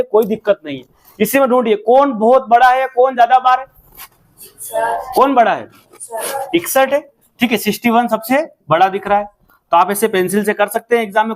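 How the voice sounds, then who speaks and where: High-voiced man teaching maths. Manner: asks pupils constant questions, then answers them himself. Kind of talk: classroom maths lesson.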